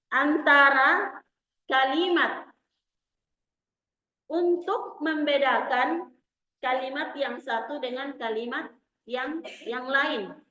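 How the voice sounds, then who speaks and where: Slow high-voiced woman teaching. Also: pushed and bright. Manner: slow and explanatory, repeating terms. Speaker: Arabic teacher. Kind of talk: classroom lecture. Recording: echoey room, dull lo-fi sound.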